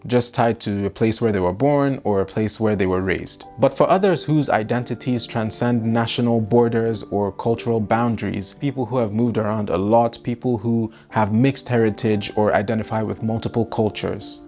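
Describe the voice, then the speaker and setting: Measured low-voiced male narrator. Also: darkish tone. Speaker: host narrator. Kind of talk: scripted voice-over narration.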